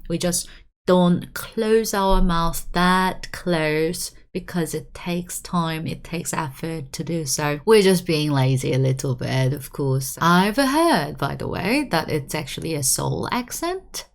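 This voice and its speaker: Woman language teacher, lesson video, chatty, animated swoops, keeps asking "right?", a bit low-pitched. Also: vocal fry. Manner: chatty, keeps checking in with listeners.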